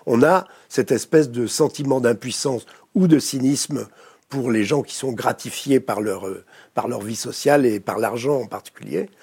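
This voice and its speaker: Man, French accent, gravelly, husky, reflective, searching for words, interview guest. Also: medium pitch, moderate pace, darkish tone. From France. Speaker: guest therapist. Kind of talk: studio interview.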